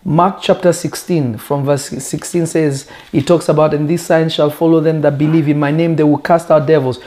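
This male preacher, whose first language is Lingala, teaches conversationally, posing rhetorical questions and stressing his words with deliberate emphasis. His pitch sits fairly high, and his mellow delivery stays flat.

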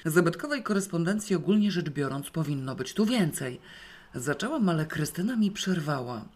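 A woman's voice: sits low, expressive, moderate pace, darkish tone. Woman telling a wry audiobook tale. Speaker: audiobook reader. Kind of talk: first-person literary narration.

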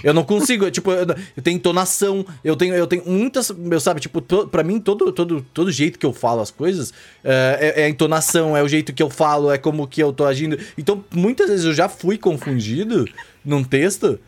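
A man's voice: a little high, fairly quick. A young Brazilian man hosting a casual group chat, slangy and rambling with lots of fillers. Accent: Brazilian Portuguese.

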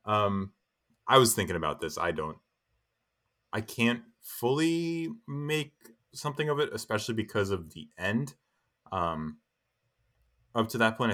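A man's voice: deep voice, fairly bright tone. A young man co-hosting a podcast, chatting casually about a film with lots of fillers and restarts. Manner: rambling, many fillers and restarts. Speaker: podcast co-host.

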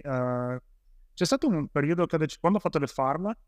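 A man's voice: a little high, expressive, a little fast, no echo, clean studio sound. A man from Italy, a police officer, telling his story as an interview guest in a rambling way with many fillers and restarts.

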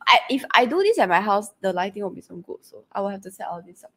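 A woman's voice: medium pitch, very animated, fast, a bit bright, slight background noise. A woman chatting casually as co-host in colloquial Malaysian or Singaporean slang English, dropping particles like lah and lor.

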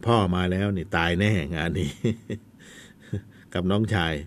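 A man's voice: low-pitched, fairly even intonation, slow, slight background noise. A man teaching a history lesson in a chatty storytelling way, with asides to his students.

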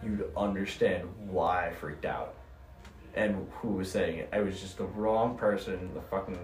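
A man's voice: low voice, steady tone, measured pace, darkish tone, far from the mic. A young man chatting casually like a frat bro, full of slang and swearing. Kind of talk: casual chat. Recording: echoey room, off mic.

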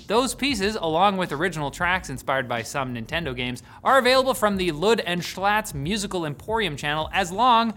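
A tech news host reading scripted headlines with jokey, sarcastic asides, swinging from loud bursts to hushed mutters. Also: medium pitch, sing-song, moderate pace, hardly any pauses.

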